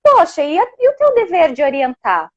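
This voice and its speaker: A woman with a Brazilian Portuguese accent, explaining sex education in a casual, animated way and often checking in with her listener. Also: extremely high pitch, moderate pace, dull audio. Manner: animated, explanatory, uses many tag questions. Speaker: sex education guest expert.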